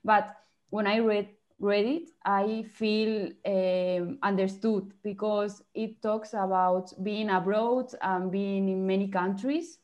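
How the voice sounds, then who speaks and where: A woman's voice: medium pitch, fairly even intonation, takes it slowly, darkish tone, lo-fi sound. A woman from China who grew up in Spain, speaking as a panelist on a video call, searching for words in English. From born in China, grew up in Spain.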